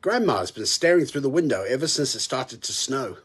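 A man's voice: medium pitch, very animated, brisk, husky. A man in his forties telling short corny dad jokes to a phone at arm's length, drawing out his catchphrase and dropping his punchlines. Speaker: comedian telling jokes to camera.

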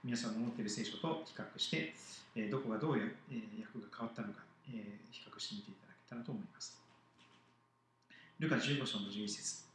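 A man preaching, telling a Bible story to children with lively voices for the characters. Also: fairly low pitch, fast, slight background noise. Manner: animated, acting out voices in the story. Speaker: pastor. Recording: very echoey live hall.

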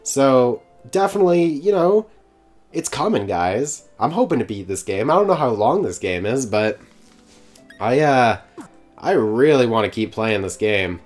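Young male let's-play host, sarcastic and rambling, lively pitch. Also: a little slow, soft background music. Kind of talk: casual gameplay commentary.

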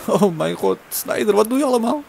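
A young man giving casual, excitable commentary on his own football video game match, shouting at the players. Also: sits high, fairly quick, vocal fry, noisy background. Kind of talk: casual let's-play commentary. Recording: music playing behind.

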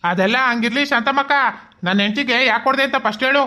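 A woman's voice: a little high, quick pace, pushed and bright. A woman acting a boastful, hard-drinking village husband in a comedy skit, blustering with a Mandya Kannada accent. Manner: blustering, threatening.

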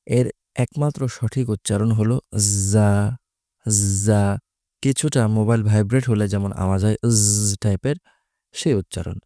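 A man's voice: fairly low pitch, mellow, no echo, clean studio sound. A man teaching Quran recitation, explaining Arabic letters patiently and methodically, repeating each letter's sound.

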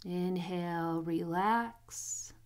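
Speaking in a lowish voice, a woman guides listeners toward sleep at a calm, gentle pace. Pauses separate her phrases, which trail off in soft breaths.

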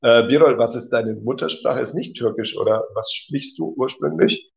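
A man with a medium-pitched voice and vocal fry speaks at a moderate pace, recorded with dull lo-fi sound. Teaching German on a live stream, he reads out viewers' chat messages and praises them often, encouragingly saying "genau" and "cool" a lot.

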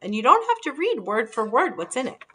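A woman in her thirties hosts a casual video call from her dining room, picked up by her laptop camera, presenting holiday table ideas. Her voice is a little high, very animated and a little fast, with background noise behind it. She's friendly and holds up books as she explains them.

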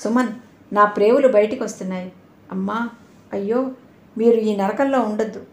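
A woman's voice: mid-range voice, fairly even intonation, moderate pace, a little mellow, natural voice. A woman voicing a young woman in great pain, speaking weakly and in anguish. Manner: pained, weak. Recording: roomy echo.

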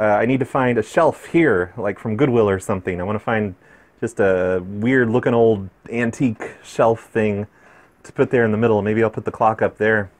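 A man chatting casually as he opens fan mail, rambling and easily amused, with many restarts. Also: fairly low pitch. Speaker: vlogger opening fan mail. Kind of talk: casual unboxing chat.

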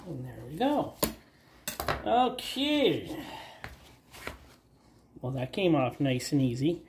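Her voice sits low and sing-song, and the recording is very noisy. Sick with a cold, this garage channel host chats through her hands-on DIY work, cutting apart parts on an outdoor table. Her talk is rambling and self-deprecating, halting with fillers.

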